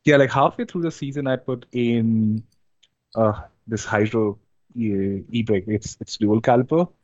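A young man from India, chatting casually as an interview guest, relaxed and hesitant with many fillers. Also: lowish voice, measured pace, no room sound, lo-fi sound. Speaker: interview guest, amateur drifter.

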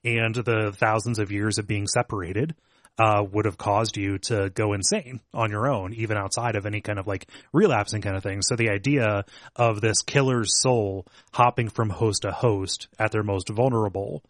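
A man's voice: lowish voice, steady tone, moderate pace, dry recording, studio quality. A man co-hosting a podcast, recapping a game's plot at length with lots of fillers. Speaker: podcast co-host. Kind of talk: casual chat about a video game.

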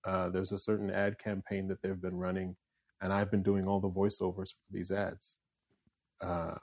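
A relaxed Canadian man in his forties with a fairly neutral accent and a lowish voice. He chats easily as an interview guest, often restarting a phrase before finishing his thought. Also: moderate pace. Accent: fairly neutral Canadian English. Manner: easygoing, restarts phrases while thinking. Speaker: musician and voiceover artist guest. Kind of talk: casual interview chat.

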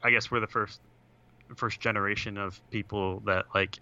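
Young guy rambling on a choppy video call, bright smooth voice, says like a lot. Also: lowish voice, flat delivery, normal speed, dull audio. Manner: rambling, full of "like" and "uh". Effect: video call audio that breaks up. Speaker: podcast co-host. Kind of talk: casual chat. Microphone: computer on a video call.

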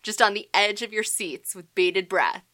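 Bright young woman, dry podcast banter. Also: mid-range voice, normal speed. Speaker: podcast co-host. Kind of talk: casual sarcastic chat.

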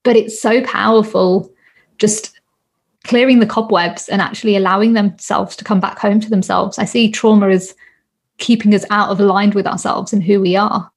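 A woman's voice: mid-range voice, steady tone, normal speed, husky. A British woman in her thirties, a guest and healing coach, talking earnestly in a casual interview and repeating her points with emphasis. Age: 30s. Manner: earnest, emphatic, repeats phrases, laughs often.

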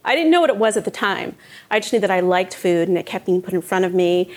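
Animated and quick, this middle-aged woman, a cookbook author from northern New Jersey, speaks in a fairly low voice. She talks candidly and laughs often during a casual onstage conversation.

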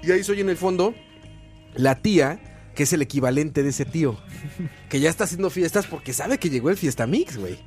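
A man's voice: a little high, fairly quick, faint music behind. A man with a Mexican accent hosting a casual comedy chat, telling stories in slangy, sweary language. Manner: slangy, swearing, animated storyteller. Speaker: comedy show host.

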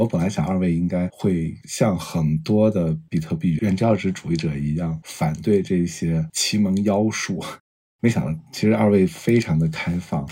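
A man interviews in a conversational podcast style. His voice is deep and dark, with a strongly husky, breathy grain.

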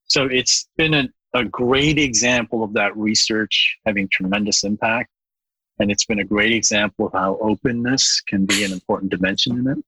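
Earnest lower-voiced man, podcast guest. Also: normal speed, bright, forceful tone, slightly rough, no echo, rough recording. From Bangladesh. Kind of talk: podcast interview.

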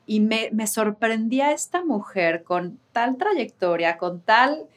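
A woman's voice: fairly high pitch, expressive, takes it slowly. A woman interviewing a guest, friendly, asking questions and affirming her answers. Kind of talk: casual interview chat.

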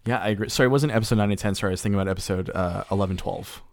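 A man's voice: fairly low pitch, racing, no echo, studio quality. A man co-hosting a casual chat, rambling with lots of fillers and restarts. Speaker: podcast co-host.

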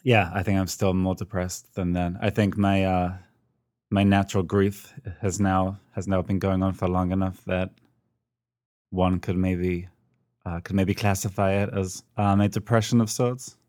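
A middle-aged British man co-hosts a podcast over a remote call, his deep, darkish voice level in tone and unhurried. He talks casually, with lots of ums and a dry, self-mocking humor. There's no echo on the recording.

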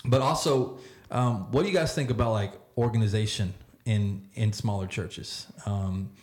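A man hosting a casual round-table discussion, speaking haltingly and often repeating words as he works toward his point. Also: lowish voice, darkish tone. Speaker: podcast host and church leader. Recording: roomy, echoey sound.

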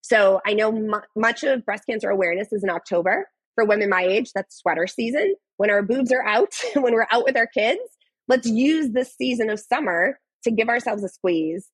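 A young adult woman speaking as a podcast guest, earnest and animated, often restarting her sentences. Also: on the high side, moderate pace, breathy edge, no echo, low-quality recording. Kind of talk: casual interview conversation.

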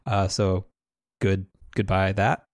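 A man's voice: low-pitched, flat delivery, slow, dry recording. A man co-hosting a podcast, rambling casually with restarts and dry sarcasm. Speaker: podcast co-host.

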